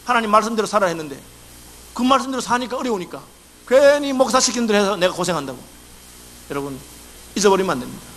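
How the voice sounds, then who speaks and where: A man's voice: sits high, big pitch swings, fast talker, pauses often, fairly bright tone, slight background noise. A male pastor preaching a sermon in a church, acting out complaints in dialect. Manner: acts out quoted complaints in dialect. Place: church sanctuary.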